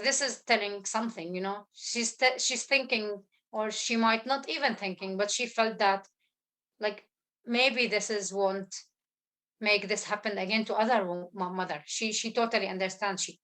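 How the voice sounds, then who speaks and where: Earnest woman, halting speech. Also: mid-range voice, a bit bright, low-quality recording. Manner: halting, many fillers and restarts, intense. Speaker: guest speaker, filmmaker. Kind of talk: earnest testimony at an online symposium. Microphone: video call.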